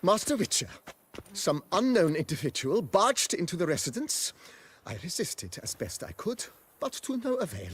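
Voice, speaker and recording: A man's voice: high-pitched, big pitch swings, normal speed, slight background noise. An actor playing a formal, deferential male house servant in a video game, sounding mildly aggrieved. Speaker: butler.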